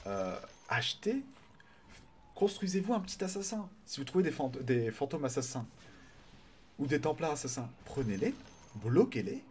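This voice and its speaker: A man casting a live online game tournament, chatty and excitable, greeting viewers and swearing casually. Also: medium pitch, moderate pace, pauses often, slight background noise. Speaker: tournament caster and streamer.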